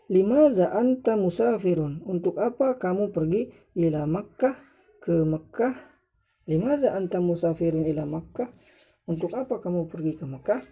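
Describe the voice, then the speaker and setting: Patient woman teaching Arabic slowly. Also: dark tone, husky. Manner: patient, repeats phrases slowly then translates word by word; lifts pitch sharply to mark questions. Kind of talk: slow recorded language lesson.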